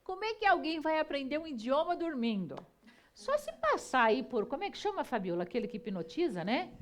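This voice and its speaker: A woman hosting a TV talk show, chatty and lively, often talking to the audience. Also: sits high, fairly quick. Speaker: TV show host.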